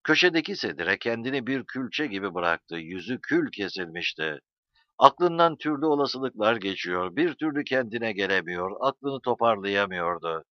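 A man narrates an audiobook in a low voice, reading dramatically. His pitch swings widely and stays animated. The recording is dry and slightly muffled. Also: normal speed, dry recording. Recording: dull lo-fi sound.

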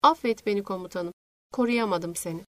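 A woman's voice: medium pitch, brisk, a bit bright, no room sound, pitched below the performer's own voice, natural voice. A woman voicing a devoted young male soldier who pleads in anguish, read as part of an audiobook. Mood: grieving.

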